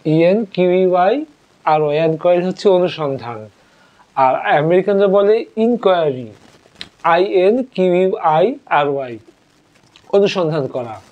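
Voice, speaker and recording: A man teaching an English vocabulary lesson, spelling words out letter by letter and repeating them slowly. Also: sits high. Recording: dull lo-fi audio.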